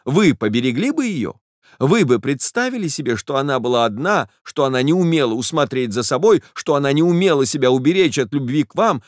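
A heartbroken young woman pleads in a high, trembling, tear-choked voice, put on by a male audiobook reader. Her words break and rush as she implores. The sound is close and dry. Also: no echo, close to an everyday voice. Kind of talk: audiobook character voice.

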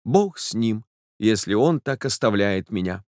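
A man's voice: lowish voice, lively intonation, a little slow, a little mellow, no room sound, studio quality. A man reading an audiobook, voicing a heartbroken young woman who pleads through tears with a breaking voice. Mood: resigned. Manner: tearful, imploring, breaking voice. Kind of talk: audiobook character voice.

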